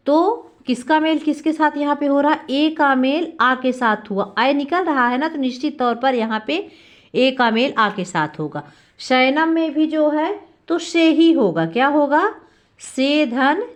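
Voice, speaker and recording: A woman teaching a Sanskrit grammar lesson, asking questions and answering them herself, drawing out key sounds. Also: sits high. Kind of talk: classroom lesson explaining grammar.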